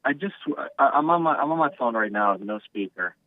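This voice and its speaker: A man calling in to a talk show over the phone, speaking haltingly with frequent restarts. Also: medium pitch, lively intonation, no echo. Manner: halting, hesitant with many restarts. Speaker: caller. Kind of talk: call-in chat. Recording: tinny phone line, dry.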